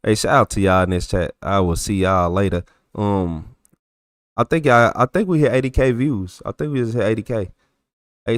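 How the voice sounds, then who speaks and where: This young adult man, with a thick Texas accent, loosely chats on a livestream while reading his viewers' comments. He has a fairly low pitch and a clean tone. It's clean studio sound with no echo.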